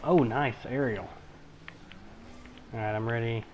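A man's voice: medium pitch, fairly even intonation, a little slow, a little hiss or hum, low-quality recording. A man chatting casually with others while he plays a video game. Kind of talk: casual chat while gaming.

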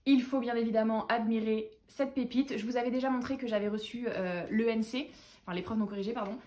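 Woman, book vlogger, casual chat, enthusiastic, slightly high voice. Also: fairly even intonation, brisk, warm tone. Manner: chatty and enthusiastic.

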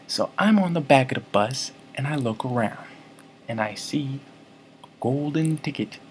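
A man's voice: medium pitch, animated, moderate pace, slight background noise. A man telling a story to camera in a comic vlog, rambling, mock-serious and constantly correcting himself. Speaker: comedy vlogger.

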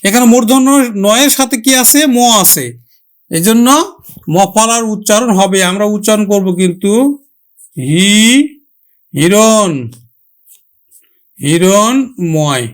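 A teacher gives a pronunciation lesson at a medium pitch. Each example word is drawn out slowly and said again and again. The teacher keeps asking the listener questions and then answers them. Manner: drawn-out, careful sounding of example words.

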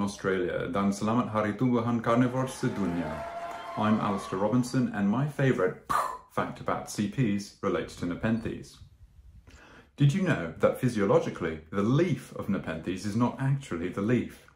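Low-voiced man in a roomy space. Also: animated, normal speed, background noise. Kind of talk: scripted science explanation. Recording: roomy echoing sound.

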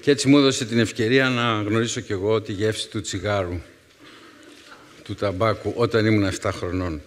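A man in his fifties, a teacher, telling wry personal stories with thoughtful pauses to a young audience. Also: fairly low pitch, fairly even intonation, a little hiss or hum. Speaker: secondary school philology teacher and speaker. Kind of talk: storytelling talk to a young audience. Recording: reverberant hall.

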